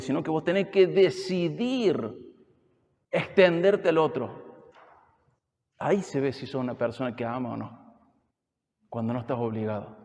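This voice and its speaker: A man's voice: on the high side, gravelly, darkish tone, in a large hall. A man with an Argentine accent preaching an expository sermon in a conversational way, often putting questions to the congregation. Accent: Argentine Spanish. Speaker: pastor. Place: church hall.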